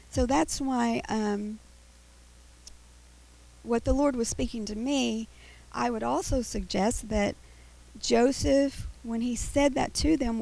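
Creaky-voiced woman with whistling s sounds, teaching. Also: a little high, darkish tone, poor audio. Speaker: Bible teacher. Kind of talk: Bible lesson.

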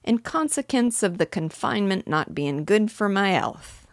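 A woman voicing a rough, cheeky male burglar, dropping his h's in broad dialect, in an audiobook. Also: mid-range voice, very animated, moderate pace, dry recording, studio quality, voice pushed up. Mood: wry. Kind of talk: audiobook character voice.

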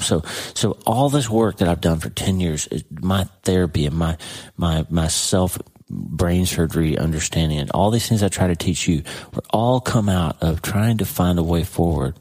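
A man's voice: sits low, a little mellow. A middle-aged man hosting a personal faith podcast, talking earnestly and confidingly to his listener. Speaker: podcast host.

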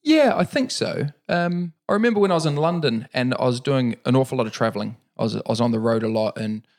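A middle-aged man with a New Zealand accent, talking casually in an interview, relaxed and rambling with fillers and restarts. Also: medium pitch, fast talker. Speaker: interviewee, para-cyclist.

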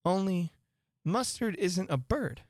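A reader voicing a polite, puzzled young girl who answers softly and hesitantly. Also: medium pitch, lively intonation, slow pace, dry recording, clean studio sound, pitched above the performer's own voice. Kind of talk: audiobook character voice.

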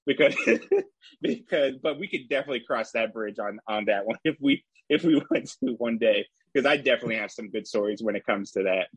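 A man co-hosting a casual sports podcast, speaking haltingly with many restarts and laughing easily. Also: medium pitch, breathy edge, dry recording, poor audio. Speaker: podcast co-host, sports writer.

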